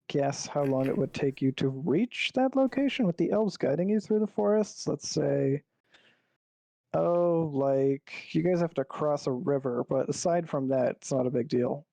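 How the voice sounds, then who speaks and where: A man running a tabletop game, his voice sitting a touch high for a man. He rambles and thinks aloud with plenty of ums and uhs. His sound is dry and close, on a home mic over a call. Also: creaky, mellow, dry recording. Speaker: game master. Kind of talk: narrating a tabletop game online.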